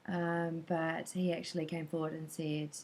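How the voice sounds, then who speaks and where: A woman talks through what she saw in a loose, chatty way, stopping often on little filler sounds. Her voice sits low with a gravelly, creaky edge. A faint hiss runs underneath. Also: flat delivery, moderate pace, a little mellow, poor audio. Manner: chatty, hesitant, many "um" fillers. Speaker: vlogger recapping a conference talk. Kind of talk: casual spoken recap.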